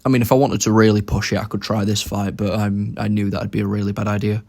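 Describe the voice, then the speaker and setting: A man's voice: fairly low pitch, little pitch movement, fast talker, vocal fry, a little mellow. A young man giving casual commentary over his own game, thinking aloud about each move as he plays.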